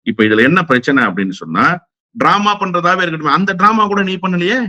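A man's voice: a little high, animated, fast talker, pushed and bright, dry recording. Combative man firing rhetorical questions. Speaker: political guest. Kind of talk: heated political interview.

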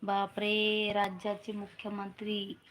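A woman with a Vidarbha Marathi accent hosts a casual live stream from home on her phone, urging viewers to comment and chatting with family off-camera. Her mid-range voice is a bit bright, monotone and slow, with a little hiss or hum in the recording.

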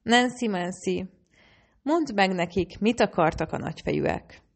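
A woman's voice: mid-range voice, animated, vocal fry, breathy edge. A woman reading the lines of a wisecracking young man, a hacker, in an audiobook. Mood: joking. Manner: joking, talks with mouth full.

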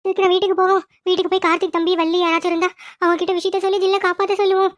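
A woman's voice: very high voice, little pitch movement, very fast, no echo, studio quality. A woman voicing a frantic, anxious mother in a cartoon, pleading and wailing in panic. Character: frantic anxious mother, later a scheming grandmother. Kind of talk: cartoon voice acting.

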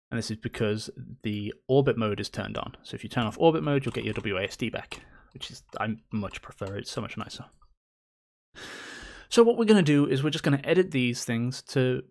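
A cold seems to be setting in, leaving this man's mid-range voice slightly hoarse. Still, he's chatty and upbeat as he hosts a screen-recorded walkthrough of a game engine, tossing in playful little cheers.

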